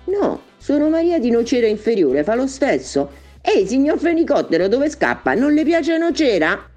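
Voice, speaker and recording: Woman doing a polite, dim young woman, high-pitched and bouncy. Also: very animated, normal speed, dark tone, soft background music. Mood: chirpy. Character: dim, chirpy young woman who mistakes an angel for birds.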